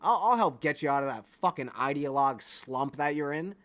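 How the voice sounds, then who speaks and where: Blunt, profane man with a lively voice. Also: a little high, fairly quick. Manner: talks straight to the viewer with frequent "all right?". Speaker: vlogger. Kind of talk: unscripted monologue to camera.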